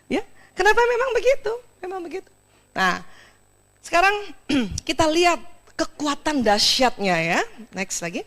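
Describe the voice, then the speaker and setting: A woman speaker at an Islamic study session, giving an expressive talk to women listeners, laughing often and speaking to them directly. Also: sits high, normal speed, long pauses. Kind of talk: lively talk to an audience of women.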